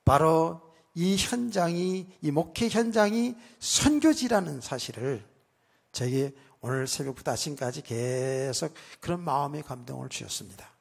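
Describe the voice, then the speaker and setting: A male pastor preaching a sermon, speaking calmly and then suddenly raising his voice to shouting, with a sore throat. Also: fairly high pitch, measured pace, creaky, slightly rough. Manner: calm talk that suddenly rises to shouting.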